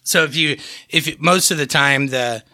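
A man's voice: a little high, moderate pace, bright, forceful tone, no echo, studio quality. A man co-hosting a podcast, chatting loosely about a rock band, rambling and swearing as he works from his notes. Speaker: podcast co-host. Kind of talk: casual chat about music.

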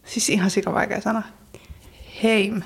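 A woman from Finland co-hosting a podcast, relaxed, often answering with short agreeing replies. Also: lowish voice. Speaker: podcast co-host. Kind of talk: casual chat.

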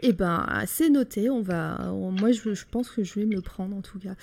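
A woman's voice: mid-range voice, normal speed, gravelly, darkish tone. Give me a woman hosting casual live chat. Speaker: host of an online radio show.

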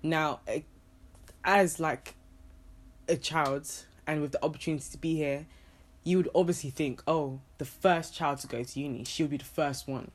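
A woman's voice: sits low, normal speed. A young woman, chatting casually and playfully on a podcast about her dream jobs and her schooling. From Trinidad. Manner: playful, laughing, animated storytelling. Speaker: podcast guest. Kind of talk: casual chat.

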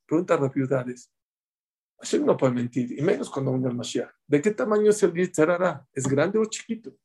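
Animated rabbi teaching a class. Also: male voice, fairly quick, husky. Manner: animated, swings pitch and volume for emphasis; speaks directly to listeners, acts out quoted voices. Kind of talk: Torah class sermon.

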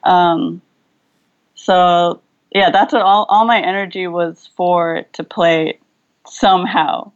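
A young woman filmmaker, a guest in a relaxed interview over a video call, talks thoughtfully with a fairly low, steady voice at an unhurried pace. She hunts for words, using fillers and starting over, and the recording sounds muffled.

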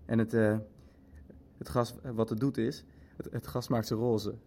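A lowish, gravelly, slightly mellow male voice delivers radio-play dialogue as an unfeeling Nazi functionary, level in tone and at normal speed. The character is hesitant, clinical and fussy about figures, thumbing through his facts in a detached, factual way, with a little hiss or hum on the recording.

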